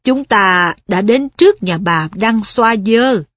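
A woman voicing a slow, gruff old blind man in a storybook reading. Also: mid-range voice, lively intonation, no room sound. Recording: dull lo-fi audio, dry.

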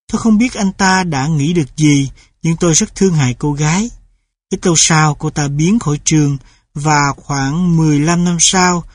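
A man reading a memoir-style story aloud in steady, measured scripted narration. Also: on the high side, no room sound.

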